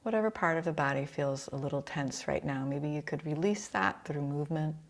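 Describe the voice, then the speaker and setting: Soothing and in no rush, a woman with a low-sitting voice leads a guided relaxation as a yoga instructor, leaving pauses between her phrases.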